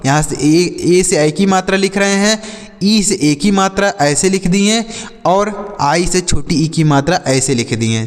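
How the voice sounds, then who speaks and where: In a big-sounding room, a man with a high voice gives a Hindi-language phonics lesson on English. He teaches patiently and repetitively, posing questions and then answering them himself.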